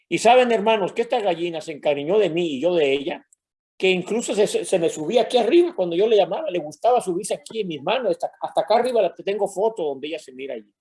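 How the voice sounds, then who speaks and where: Calling his congregation brothers, an older man from Mexico preaches and recounts a personal story in his Mexican Spanish accent. He talks fast and expressively in a high-pitched voice that's a little mellow and slightly rough.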